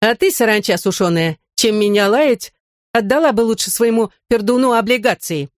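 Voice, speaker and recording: A woman's voice: medium pitch, expressive, normal speed, dry recording, clean studio sound, natural voice. A woman reading an audiobook, voicing a brazen young woman who taunts the others lazily. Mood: taunting. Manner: lazy mocking taunts.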